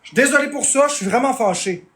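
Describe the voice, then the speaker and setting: A man's voice: extremely high pitch, animated, quick pace, fairly bright tone, reverberant. A man with a Québécois French accent, a streamer venting in a heated, swearing rant at his chat. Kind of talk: angry livestream rant.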